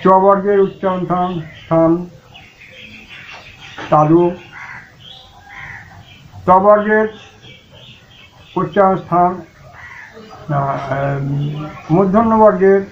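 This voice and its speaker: Man slowly chanting and teaching. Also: sits high. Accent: Bengali. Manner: chants mantras slowly and drawn out, then explains plainly. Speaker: Sanskrit teacher. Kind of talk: slow chanting and explaining pronunciation. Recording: muffled, lo-fi recording with faint noise.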